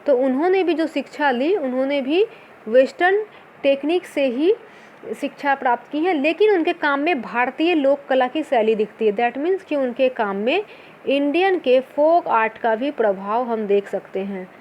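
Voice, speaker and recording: Woman teacher, pretty high voice, asks herself questions then answers, bit of hiss in the background. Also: animated, normal speed, highs cut off. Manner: explains by asking and answering her own questions; mixes English words into her talk. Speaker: teacher of an exam-prep channel. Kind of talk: exam-prep lesson.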